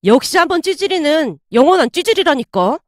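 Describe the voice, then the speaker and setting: A woman reading the part of an arrogant young man who taunts and yells at restaurant staff, in a story narration. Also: high voice, sing-song, fairly quick, no echo, clean studio sound. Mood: sneering. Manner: sneering, yelling insults. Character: arrogant bullying young male customer.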